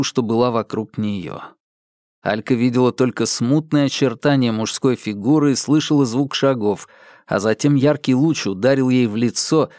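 A man narrates a thriller audiobook in a steady, tense manner. His pitch is middling, and the sound is dry and close, with no room around it. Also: no echo. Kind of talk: scripted narration.

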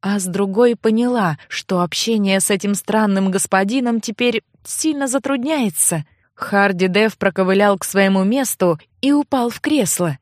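A woman narrating a first-person novel aloud as an audiobook, in a measured storytelling voice. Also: medium pitch, dry recording, clean studio sound.

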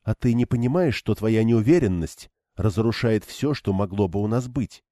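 A man's voice: lowish voice, moderate pace, mellow, dry recording, studio quality, lightly acted. A man voicing a stern young woman leader who speaks in a cold, clipped, firm way.

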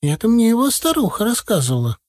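A chatty old village granny, high and fluttery, rambling on in rustic country talk. Her voice swoops about and sounds slightly husky, close and dry, as a male reader puts her on. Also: huge pitch swings, quick pace, darkish tone, heavily acted. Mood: chattering.

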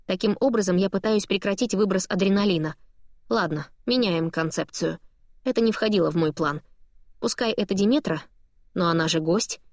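A woman reading a novel aloud as a first-person audiobook narrator, lively and expressive. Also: medium pitch, moderate pace, no echo, studio quality.

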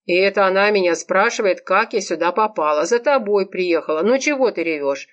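A woman's voice: medium pitch, fairly quick, dull audio, close to an everyday voice. A woman reading an audiobook, voicing a bossy, sarcastic young woman who scolds her friend. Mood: scolding sarcastic. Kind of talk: audiobook character voice.

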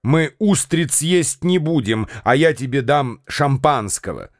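An actor reading a contemptuous, impatient young bully in a radio play. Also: male voice, medium pitch, animated, unhurried, dry recording, clean studio sound. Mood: scornful. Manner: snapping, contemptuous. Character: rough, bullying young man, scornful and impatient.

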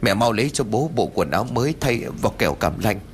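A man's voice: fairly low pitch, lively intonation, fast talker, slight background noise. A man voicing a worried grown son who speaks urgently and anxiously in a horror audiobook.

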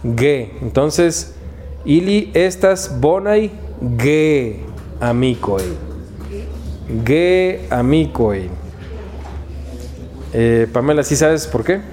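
Mexican guy teaching a class, slow and patient, repeats words for students, lecture hall. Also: fairly high pitch, animated, warm tone. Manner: slow, patient, drills pronunciation word by word. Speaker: Esperanto teacher.

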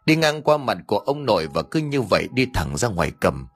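A man's voice: fairly low pitch, big pitch swings, fairly quick, husky, faint music behind. A man narrating a scripted ghost story in a dramatic, tense storytelling manner.

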